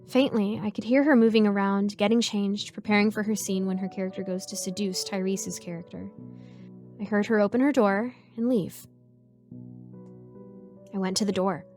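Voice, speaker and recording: A woman narrating a first-person horror story in a measured, suspenseful way. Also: medium pitch, a little mellow.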